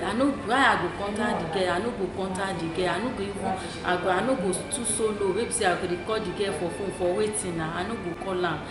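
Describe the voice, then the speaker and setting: A woman with a Nigerian accent giving opinionated, conversational advice as a co-host, emphatic and repeating her points. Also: mid-range voice. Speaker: talk show co-host. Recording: echoey room with clear noise.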